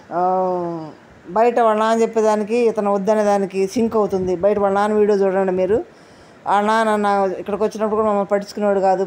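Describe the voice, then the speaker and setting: A woman's voice: medium pitch, a little mellow. A woman giving casual commentary on a reality show, chatty and often asking viewers to leave comments.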